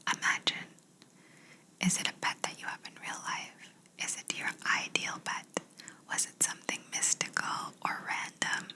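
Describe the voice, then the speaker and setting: A woman whispering slowly in an ASMR video, guiding the listener through gentle imagination questions. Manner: slow soft whisper, asking gentle questions. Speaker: ASMR creator.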